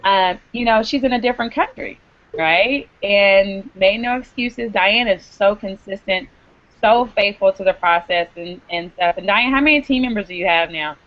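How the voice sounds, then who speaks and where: A woman's voice: medium pitch, dry recording. A woman hosting a live online video hangout, upbeat and encouraging in casual chat. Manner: upbeat, encouraging, quick asides. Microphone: video call. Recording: dull lo-fi web call audio.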